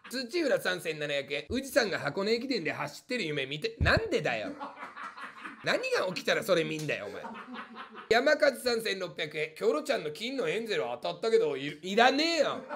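A man's voice: high voice, sing-song, normal speed, vocal fry, a bit bright, slight background noise. A man on a live stream reading viewer comments aloud and firing back blunt, mock-angry retorts, often laughing. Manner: blunt slangy tough-guy talk.

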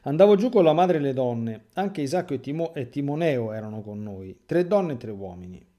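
A man's voice: medium pitch, expressive, a little fast, warm tone, lightly acted. A man reading aloud as a young apostle who is weeping with grief and fear, pleading in a raised, urgent voice. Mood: distressed.

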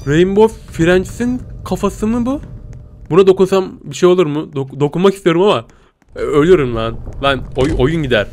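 A man giving casual Let's Play commentary, jumpy and excitable, swinging from tense whispers to loud yelps and talking to his viewers. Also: a little high, moderate pace, a little hiss or hum. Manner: talks to viewers as "pisicikler". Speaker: gaming YouTuber.

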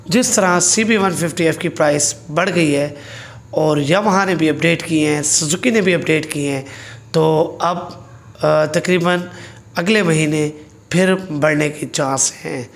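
High-voiced man vlogging. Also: takes it slowly. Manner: earnest, complaining, rhetorical questions. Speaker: motorcycle vlogger. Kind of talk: casual vlog monologue to camera. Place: small indoor room with a parked motorcycle. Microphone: fixed camera a few feet away.

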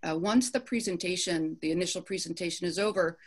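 A woman presenting an upcoming event in a virtual office meeting, halting, with many ums and uhs, over a video call. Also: fairly low pitch. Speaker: committee presenter.

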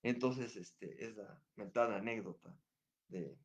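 A man in his sixties with a Mexican accent, giving a casual history lesson in a chatty, unhurried way with many hesitation fillers and restarts. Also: lowish voice. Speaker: history teacher.

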